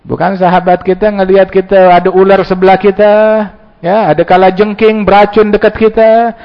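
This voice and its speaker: A man preaching an Islamic sermon. He tells it as an animated story, acts out the dialogues, and mixes Arabic quotations with slang. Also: high-pitched, moderate pace. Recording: dull lo-fi sound with long hall reverb.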